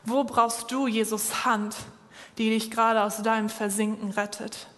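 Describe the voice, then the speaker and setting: A woman preaching with a fairly high voice. She speaks directly to her listeners and urges them on. Her voice rings with a long reverb, as if she is in a church hall. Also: flat delivery, a little slow. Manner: direct, encouraging address to listeners. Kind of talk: sermon.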